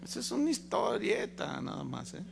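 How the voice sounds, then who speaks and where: A man's voice: sits high, wildly swooping pitch, moderate pace, creaky, background noise. A man with a Mexican accent preaching a sermon in a folksy, conversational way, often putting questions to his listeners. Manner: folksy, conversational, quizzing the congregation. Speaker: pastor.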